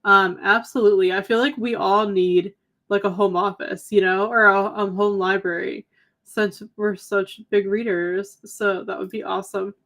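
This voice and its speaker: A woman's voice: mid-range voice, fairly even intonation, normal speed, fairly bright tone. Chatty woman hosting a livestream. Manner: chatty, lots of "um" and "like". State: slightly losing her voice. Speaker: livestream co-host. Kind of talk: casual chat reading viewer comments.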